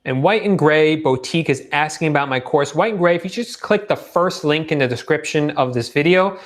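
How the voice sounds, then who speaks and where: Young male streamer, relaxed Q&A host, voice getting worn. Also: on the high side, fairly quick. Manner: reads viewer questions aloud and answers them casually. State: losing his voice in a hot room. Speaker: host of live Q&A on online selling. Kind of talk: casual live-stream Q&A.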